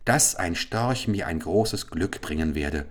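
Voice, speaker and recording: A man's voice: deep voice, expressive, slow pace, full character voice. A man voicing a lonely, sorrowful enchanted owl princess in a storybook reading, speaking in a plaintive, pleading way.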